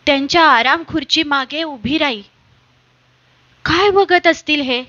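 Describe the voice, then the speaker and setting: A woman giving an expressive literary reading on stage, lingering over repeated refrains. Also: high-pitched, muffled recording. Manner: slow, lingering, refrain-like delivery. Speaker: reader at a literary stage program.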